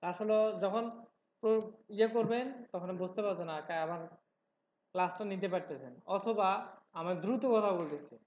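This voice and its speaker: Bangladeshi guy teaching a class, talks fast and keeps checking in, bit muffled with faint hiss. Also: high-pitched, a little mellow. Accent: Bangladeshi Bengali with regional traces. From Bangladesh, from Noakhali. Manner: fast-talking, chatty, checks in with students. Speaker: software instructor. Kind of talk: live class tutorial. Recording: roomy, dull lo-fi sound with faint noise.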